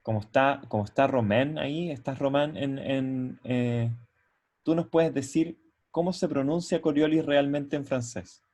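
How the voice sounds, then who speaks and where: Giving a university lecture online, a man speaks into a computer mic on a video call in a mid-range, darkish voice. His delivery is halting, with frequent restarts as he thinks, and he breaks things down step by step while checking that students are following.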